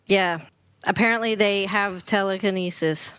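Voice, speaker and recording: A woman streaming a co-op game with friends, excitable, swearing freely and coaching her teammates. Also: mid-range voice, moderate pace, clear, resonant tone, dull audio. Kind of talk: casual gaming chat with friends.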